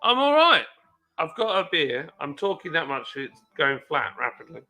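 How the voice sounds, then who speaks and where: A man's voice: a little high, sing-song, moderate pace, bright, forceful tone, faint music behind. A man hosting a casual late-night live stream, chatting away in a rambling manner and reading viewer comments aloud.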